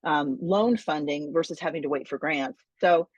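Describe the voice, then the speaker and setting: A woman with a slightly low voice hosts a friendly interview with clear enthusiasm. She often doubles words as she restarts her sentences, and her voice sounds dry and close. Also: moderate pace, no echo, muffled recording. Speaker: host, interviewer.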